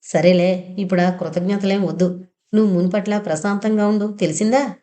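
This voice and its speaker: A woman voicing a loyal older male friend who talks in a brisk, reassuring, familiar way. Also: mid-range voice, fairly even intonation, warm tone, natural voice.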